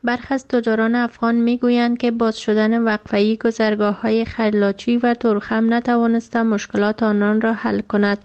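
Afghan dari lady reading the news, flat even delivery, clear smooth voice, slightly muffled recording. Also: on the high side. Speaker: radio news reporter. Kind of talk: read news report. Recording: slightly dull lo-fi sound.

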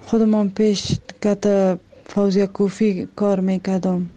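Flat-voiced Afghan Dari woman complaining. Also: mid-range voice. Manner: complaining, asking for help. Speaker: interviewee. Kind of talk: interview clip. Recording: muffled lo-fi sound.

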